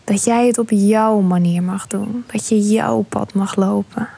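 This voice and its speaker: A woman leads a guided meditation in a slow, unhurried way. Her voice is mellow and breathy, and she often drops into a hushed whisper. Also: medium pitch, fairly even intonation.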